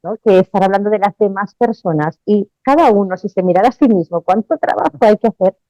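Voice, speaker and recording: A woman's voice: mid-range voice, a little fast, mellow, no room sound, poor audio. A woman from Spain, a dance mantra teacher speaking reflectively as an interview guest, laughing easily. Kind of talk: interview conversation.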